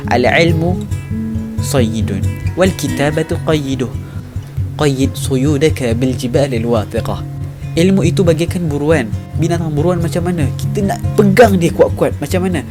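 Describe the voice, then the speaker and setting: Man teaching over loud music. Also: on the high side, moderate pace. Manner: repeats phrases for emphasis, recites Arabic sayings. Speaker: vlogger teaching Arabic. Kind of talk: casual lesson talk. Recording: loud music bed behind voice.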